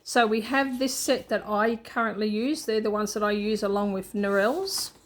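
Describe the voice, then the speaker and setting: A woman's voice: mid-range voice, moderate pace. A woman hosting a budgeting channel, chatting casually as she shows her printables and laughs at herself. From Australia. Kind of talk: casual show-and-tell walkthrough.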